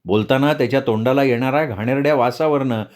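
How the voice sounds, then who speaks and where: A man narrating a serialized novel aloud in a measured, expressive storytelling reading. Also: mid-range voice.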